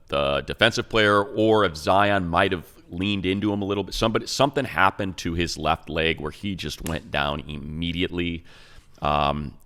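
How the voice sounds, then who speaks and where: This American man has a low, smooth, slightly bright voice. He works as a radio play-by-play announcer and co-hosts a sports talk show, where he talks through team news conversationally, thinking aloud and restarting his sentences.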